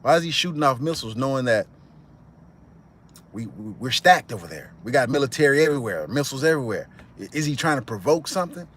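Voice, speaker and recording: A man hosts a livestream, talking loosely with his chat and rambling through stories. His pitch swings widely, so the telling sounds lively and animated. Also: quick pace, a little hiss or hum. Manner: animated storyteller, rambling and chatty. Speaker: channel host. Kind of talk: livestream commentary reading chat.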